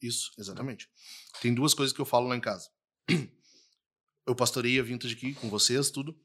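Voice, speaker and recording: A man's voice: medium pitch, fairly quick, fairly bright tone, breathy edge. A man, a pastor on a podcast, earnest and affirming as he states his points firmly. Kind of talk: casual podcast chat.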